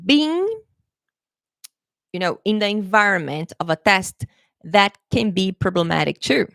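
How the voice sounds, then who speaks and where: With a voice on the high side, captured cleanly in a studio with no room sound, a woman English teacher gives a chatty, encouraging live exam-prep lesson. She laughs often, checks in with viewers and leans on playful pet phrases.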